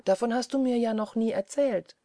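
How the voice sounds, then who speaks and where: A woman voicing a curious, earnest young woman who speaks quickly and eagerly. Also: a little high, mellow, dry recording, clean studio sound, voice pushed up, close to an everyday voice.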